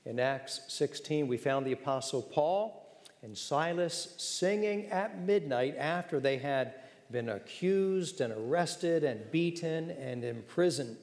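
A man preaching a sermon as pastor, earnest and direct, clearing his throat now and then. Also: a little high, a little mellow. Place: church sanctuary. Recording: reverberant church sanctuary.

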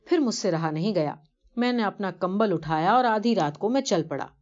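A woman's voice: medium pitch, animated, a little mellow, natural voice. A woman voicing a poor, devout elderly man who earnestly tells of his pilgrimage in a story reading, on a dull lo-fi recording. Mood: humble, earnest.

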